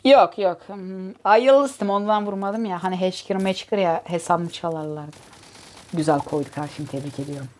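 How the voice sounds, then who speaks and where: A woman giving excitable, joking gameplay commentary as host of her gaming channel, teasing and cursing at rival players. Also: on the low side, moderate pace, a little hiss or hum.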